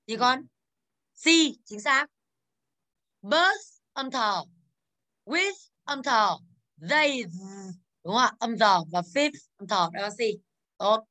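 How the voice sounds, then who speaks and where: In her English classroom, a thirtysomething woman from Vietnam speaks in a high, bright, expressive voice. She briskly runs exercises, naming students one by one and drilling their pronunciation.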